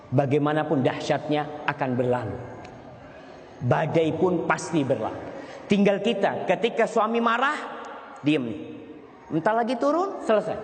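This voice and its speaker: A male preacher giving a sermon on marriage, telling stories, his voice leaping higher for emphasis. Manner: storytelling, voice leaps higher for emphasis. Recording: echoey hall with long reverb, faint noise.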